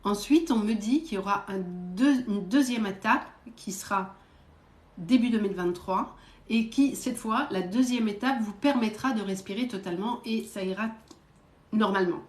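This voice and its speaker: A woman psychic medium giving quick readings to viewers during a live stream, direct and coaxing, often adding little verbal tags. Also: mid-range voice, reverberant. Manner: brisk, direct, coaxing, peppered with "hein" and "euh".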